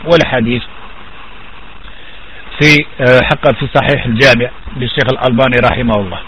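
A man's voice: medium pitch, brisk, a bit bright, a little hiss or hum, poor audio. A man preaching a religious sermon, explaining texts and asking rhetorical questions with sudden emphatic rises.

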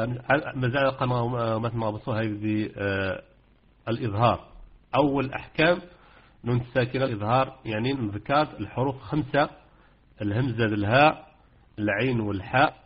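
A man's voice: medium pitch, fast talker, slightly rough, dull audio. A man with a Moroccan accent teaching Quran recitation rules to students, hesitant with many fillers and repetitions. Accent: Moroccan Arabic. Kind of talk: informal rules lesson with students.

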